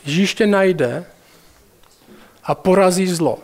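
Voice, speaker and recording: A man preaching a sermon, speaking straight to his listeners with urgency and slowing down to stress key phrases. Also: high voice.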